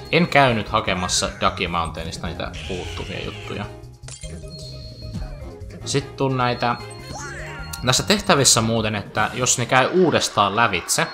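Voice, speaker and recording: A man giving chatty, joking let's play commentary over a video game, with playful asides. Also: lowish voice. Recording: faint game music behind.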